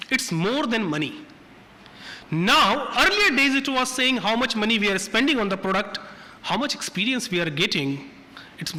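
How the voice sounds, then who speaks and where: A man's voice: sits high, pushed and bright. A man giving a conference presentation, his voice fuzzy and distorted. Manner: lecturing to an audience. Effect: fuzzy distorted sound. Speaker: conference speaker, industry leader. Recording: distorted mic in a reverberant hall.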